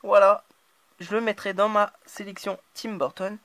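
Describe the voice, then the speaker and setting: A woman talks through her recent purchases in a relaxed, hesitant way, often pausing and circling back to find her words. Her voice sits at a middle pitch and sounds dry and close, with no room echo. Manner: hesitant, constant filler words. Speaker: channel host. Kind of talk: casual DVD haul talk to camera.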